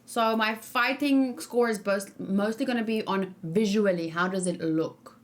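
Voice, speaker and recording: Speaking a little slowly in a mid-range voice, a woman streamer reacts casually to a game trailer. She rambles, corrects herself and keeps saying um, while faint background music plays.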